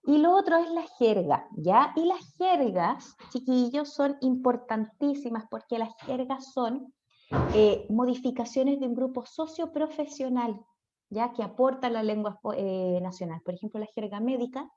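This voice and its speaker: A Chilean woman teaching an online class, her voice sitting a little higher than most. She talks in a chatty way and keeps checking in with her students through quick tag questions. The audio is dull and lo-fi. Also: dark tone. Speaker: speech therapy lecturer.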